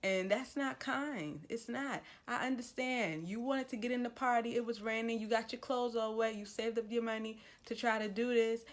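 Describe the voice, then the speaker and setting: A woman vlogger giving her opinions on a series in an animated, chatty, opinionated way. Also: a little high, moderate pace, few pauses. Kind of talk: casual review chat.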